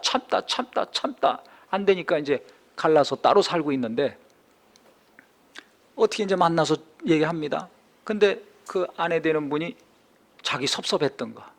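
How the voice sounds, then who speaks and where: A man preaching a sermon as pastor, building from calm explanation to impassioned, near-shouted climaxes. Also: a little high.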